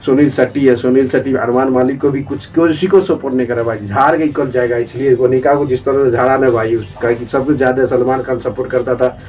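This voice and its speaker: A man's voice: mid-range voice, a little mellow, distant mic, dull audio. A man giving casual, rambling gossip commentary on a TV show, repeatedly addressing viewers as friends and brother. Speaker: entertainment news commentator.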